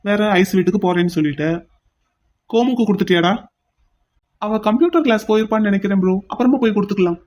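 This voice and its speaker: A man's voice: high-pitched, animated, fast, long pauses, a little mellow, slight background noise. A man voicing a humble, gracious young man in a cartoon, polite and modest. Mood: casual.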